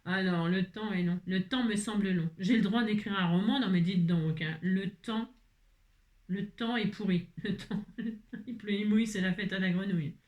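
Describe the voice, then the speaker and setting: A chatty woman talks her way through a craft project, half to her viewers and half to herself. She mutters as she works, teases herself and laughs often, at an ordinary middle pitch. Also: moderate pace, darkish tone, highs cut off. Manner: chatty, self-mocking, muttering to herself while working. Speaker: craft vlogger. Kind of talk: casual chat while crafting.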